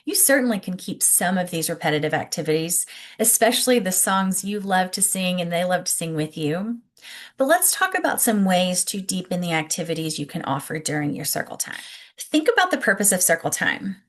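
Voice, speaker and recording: A woman's voice: lowish voice, very animated, brisk. Woman giving an instructional talk for teachers. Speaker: early childhood educator presenting tips to teachers. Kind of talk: instructional presentation, scripted narration to camera.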